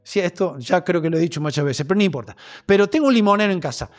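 A man's voice: high-pitched, animated, racing. A man with a Rioplatense Spanish accent preaching a sermon in an earnest, repetitive, story-driven way.

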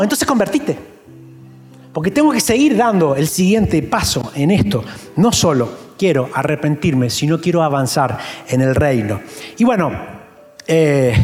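A man with an Argentine accent preaches a sermon, joking and acting out the voices of people he quotes. His voice sits high and swings widely in pitch. It rings with long hall reverb over faint music. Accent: Argentine Spanish. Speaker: pastor.

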